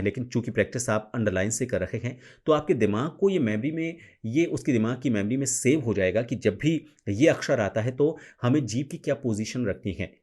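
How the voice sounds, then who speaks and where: A man giving a pronunciation lesson, speaking slowly and carefully and showing each sound himself. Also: mid-range voice, a little mellow. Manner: slow, careful, demonstrates sounds. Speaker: teacher of pronunciation. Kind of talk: spoken tutorial to camera.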